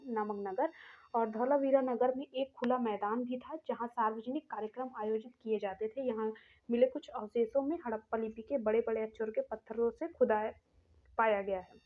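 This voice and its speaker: A woman teaching an exam-prep lesson, reading out questions and explaining each answer step by step to her students. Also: a little high. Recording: tinny phone-like sound.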